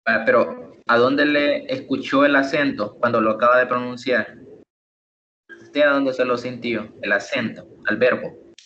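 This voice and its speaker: A man's voice: medium pitch, fairly even intonation, measured pace, sharp tone, muffled recording, faint music behind. A man tutoring English over an online call, explaining spelling rules patiently, step by step. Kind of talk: online teaching.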